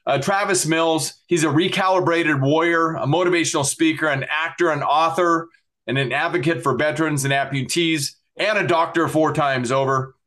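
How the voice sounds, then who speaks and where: An earnest middle-aged man closes out his podcast, thanking his guest and plugging his websites. He sounds heartfelt and a little repetitive, with plenty of fillers. His voice sits fairly high for a man. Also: fairly even intonation, normal speed, a bit bright. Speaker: podcast host.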